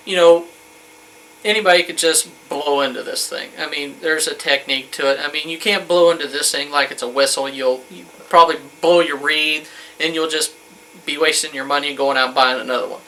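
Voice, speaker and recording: Man in his thirties, informal instructor, sharp bright tone, moderately high pitch, colloquial, rambling delivery, indoor camera recording. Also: fairly even intonation, moderate pace, slight background noise, rough recording. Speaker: hunting instructor. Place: wood-panelled room indoors.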